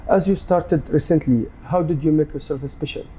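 A man's voice: a little high, moderate pace, warm tone, a little hiss or hum. A man hosting a program, asking formal interview questions in a polite, formal way.

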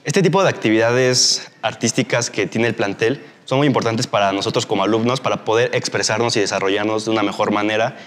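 Young male student director, low voice, hall echo. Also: brisk, hardly any pauses. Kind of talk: casual interview. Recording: reverberant hall.

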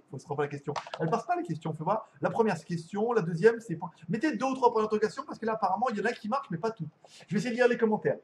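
A man's voice: sits high, animated, rapid-fire, darkish tone, a little hiss or hum. A man hosting a casual live stream from home as a tech reviewer, rambling, laughing often and swearing casually.

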